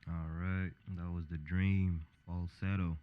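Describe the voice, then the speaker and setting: A man's voice: low voice, flat delivery, slow, narrow, tinny audio. A man in his thirties co-hosting a podcast, talking in a laid-back, slangy way and laughing often. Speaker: podcast co-host. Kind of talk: casual chat.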